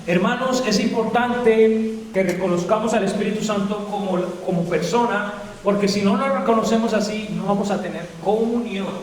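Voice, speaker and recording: A man with a high-pitched voice leads a Bible doctrine lesson. He asks his listeners questions and answers them himself. The sound is distant and echoey, with a long church-hall reverb and a faint hiss. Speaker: preacher. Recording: echoey hall, mic far off.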